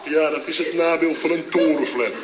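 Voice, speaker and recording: Actor as a hungover man on a phone call: groggy, fumbling, laughing at himself; slightly high voice, roomy old recording. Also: moderate pace, close to an everyday voice. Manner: fumbling, rambling, chuckling. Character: hungover man phoning his drinking buddy. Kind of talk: comedy sketch on the phone. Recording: old echoey recording with loud hiss.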